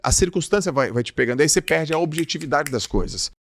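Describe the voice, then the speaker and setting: A man's voice: fairly high pitch, expressive, fast, music in the background. A man giving a motivational talk, emphatic and casual, acting out short everyday dialogues as he talks. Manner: emphatic, acts out little dialogues. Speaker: motivational speaker.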